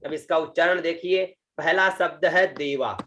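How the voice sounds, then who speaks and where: A man teaching a Vedic recitation lesson, breaking verses into syllables and chanting them slowly, often checking with the listener. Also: a little high, fairly bright tone, slight background noise, poor audio. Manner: slow, deliberate syllable-by-syllable teaching, frequent "है ना" checks.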